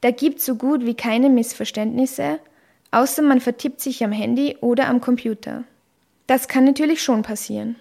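A woman calmly narrating a scripted lesson, carefully demonstrating sounds. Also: fairly high pitch. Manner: slow, careful, demonstrates tones clearly. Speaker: language teacher.

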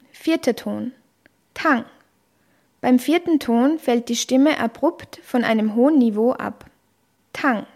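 A woman calmly narrating a scripted lesson, carefully demonstrating sounds. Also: a little high. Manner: slow, careful, demonstrates tones clearly. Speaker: language teacher.

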